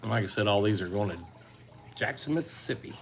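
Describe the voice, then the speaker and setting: A man's voice: fairly low pitch, expressive, brisk, gravelly. Guy tying jigs in his garage, dry teasing humor, bit of background hiss. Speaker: host tying jigs on a livestream. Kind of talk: casual chat while working. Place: home garage.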